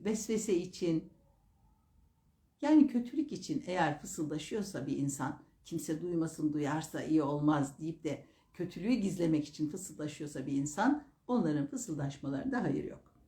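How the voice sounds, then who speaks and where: A woman preacher giving a sermon that explains Quran verses, chanting the Arabic lines slowly and then explaining them calmly. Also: lowish voice, echoey room. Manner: addresses listeners as dear brothers and sisters.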